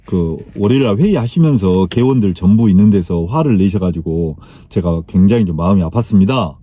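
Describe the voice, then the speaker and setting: A man's voice: low voice, lively intonation, warm tone, lo-fi sound, voice pushed down. A man voicing a polite, earnest junior officer. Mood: earnest, respectful. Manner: respectful, measured speech.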